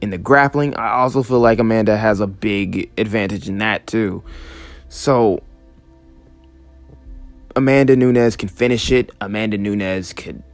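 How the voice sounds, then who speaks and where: A man's voice: fairly low pitch, unhurried, pauses often, dry recording, soft background music. A man hosting a casual fight-prediction talk, chatty and a bit sarcastic, with a loose, laid-back delivery. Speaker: MMA prediction host. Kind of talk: casual commentary.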